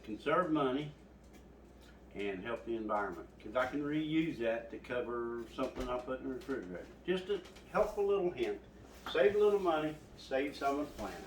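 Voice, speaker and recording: A man's voice: medium pitch, expressive, fairly quick, distant mic, a little hiss or hum. A man hosting a home cooking video, folksy and rambling as he talks to his viewers. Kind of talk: casual cooking vlog. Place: home kitchen. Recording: echoey room, voice from off the mic.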